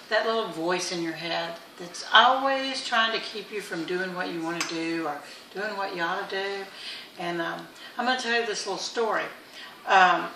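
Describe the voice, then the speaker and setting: Woman vlogger, middle-aged, earnest and chatty, bright tone, set back from the mic in an echoey room. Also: medium pitch, far from the mic, slight background noise. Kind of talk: casual motivational vlog.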